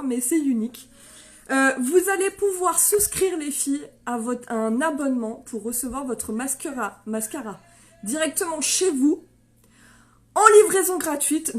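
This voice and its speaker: A bright, high-pitched woman in her thirties talks with bubbly excitement, greeting viewers one by one on a casual live stream. Her nose is stuffed up from a sinus infection, which gives her voice a congested edge.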